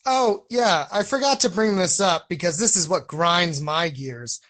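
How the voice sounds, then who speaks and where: A woman's voice: on the low side, unhurried, fairly bright tone. A woman in her thirties co-hosting a casual chat, informal and slangy with a joking streak. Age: 30s. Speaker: podcast co-host.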